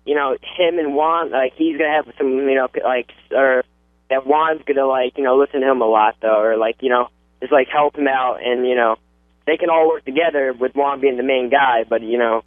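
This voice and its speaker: A man's voice: medium pitch, steady tone, moderate pace, dry recording. Young male radio caller on a tinny phone line. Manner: hesitant, rambling, full of "like" and "you know". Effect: call-in voice heard over a phone line.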